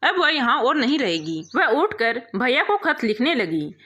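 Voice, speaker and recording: Female storyteller, fairly high voice with lively pitch, expressive scripted narration, does all the characters herself. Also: unhurried.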